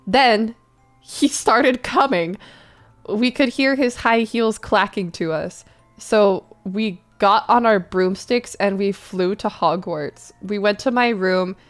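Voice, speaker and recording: A woman reads fanfiction aloud in a mock-dramatic, playful, theatrical way, tossing in casual asides and spelling out the misspellings. Her mid-range voice takes its time, with faint music in the background.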